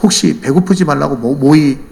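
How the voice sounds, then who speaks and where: A man voicing a village chicken seller who asks slow, matter-of-fact questions. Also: on the high side, creaky, darkish tone. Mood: probing. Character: calm, knowing male village chicken seller.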